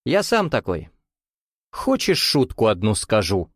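A man's voice: on the low side, huge pitch swings, a little slow, no echo, studio quality, full character voice. A man voicing a jovial, sly bearded Russian nouveau-riche man who teases in a folksy, coaxing way with veiled menace.

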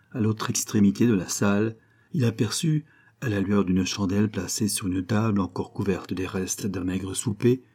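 A man narrating an audiobook novel in a measured, literary storytelling manner. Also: lowish voice, warm tone, breathy edge. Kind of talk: scripted narration.

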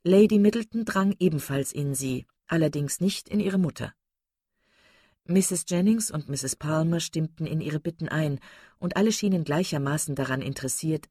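A woman narrating an audiobook in an expressive way. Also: low-pitched, slightly rough, dry recording, studio quality.

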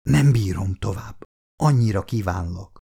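A man's voice: sits low, animated, creaky, warm tone, slightly rough, full character voice. A man playing an earnest, passionate prime minister in an audiobook story. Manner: earnest and serious.

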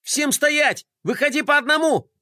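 A man's voice: sits high, big pitch swings, slow pace, dry recording, clean studio sound, voice pushed up, heavily acted. A man voicing a brave, bossy little girl in a children's story, giving eager commands. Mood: commanding.

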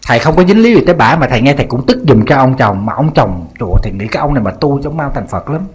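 A Buddhist monk with a Southern Vietnamese accent, giving a humorous sermon in a lively, teasing storytelling style. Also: male voice, medium pitch, very fast, husky.

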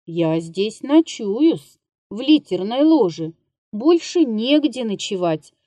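A woman voicing a tall, wiry, bald old male theatre prompter with a gray beard, speaking slowly and softly in a deferential manner. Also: fairly high pitch, very animated, dry recording, exaggerated voice. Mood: gentle. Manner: slow, soft, adds deferential "-s" to words.

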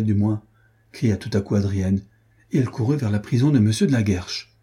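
Audiobook reader, man, very dark husky voice, measured and dramatic, historical novel. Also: on the low side. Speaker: audiobook narrator. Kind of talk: reading a historical novel aloud.

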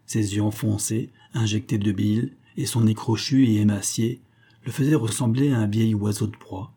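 A man narrating a novel in a measured, steady reading. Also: fairly low pitch, husky. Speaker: audiobook narrator.

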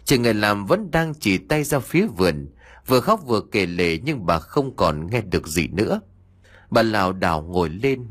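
A man narrating a ghost story as an audiobook reader, reading slowly and dramatically. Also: on the low side.

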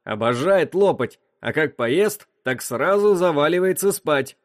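A man's voice: a little high, expressive, measured pace, no room sound, studio quality, voice pushed up. A man voicing a nervous, eager young crewman in a raised voice.

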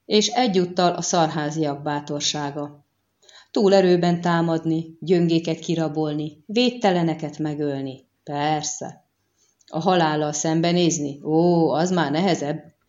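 A woman reading an audiobook and voicing a stern, calculating middle-aged male prefect who speaks with measured contempt. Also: deep voice, a little mellow, lo-fi sound, close to an everyday voice. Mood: contemptuous.

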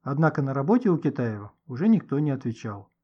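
Expressive male audiobook narrator, husky. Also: mid-range voice, quick pace, lo-fi sound. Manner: expressive, switching voices for each character. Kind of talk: audiobook reading of a children's adventure story.

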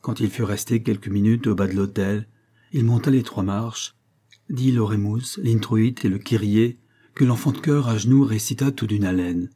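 A man narrating a classic novel in measured phrases, with a low, mellow and somewhat husky voice. The delivery is steady and unhurried. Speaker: audiobook narrator. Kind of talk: scripted narration.

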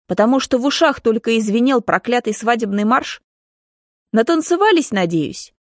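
A woman reading an audiobook, voicing a sick, bitter young man who speaks sarcastically and haltingly. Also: on the high side, animated, no room sound, clean studio sound, pitched above the performer's own voice, close to an everyday voice. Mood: bitter sarcasm.

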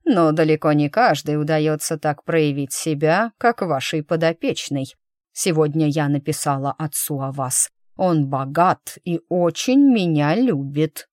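Sex: male figure in disguise, voiced by a woman. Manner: slow, measured, low-key, calculating. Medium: audiobook. Pitch: lowish and level. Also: a little mellow, no room sound, clean studio sound. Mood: measured scheming. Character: man disguised as a young lady, calculating.

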